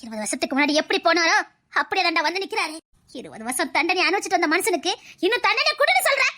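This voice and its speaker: A woman's voice: very high-pitched, very animated, very fast, sharp tone, heavily acted. A woman voicing a stern, grieving mother who scolds her grown son in a dubbed serial drama. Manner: scolding, dismissive.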